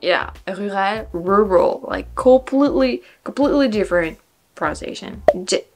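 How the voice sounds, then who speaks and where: A young Frenchwoman with a mid-range, animated voice and a French accent makes a casual reaction vlog, thinking aloud and laughing often. She repeats English words slowly, over and over, trying to pronounce them right, with a little music behind her.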